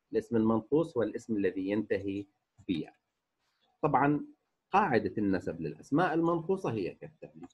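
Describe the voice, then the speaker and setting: A man teaching a remote grammar lesson, slowly stretching out example words and repeating each rule. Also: on the low side, breathy edge. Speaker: Arabic teacher. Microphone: recorded voice-over for a distance lesson.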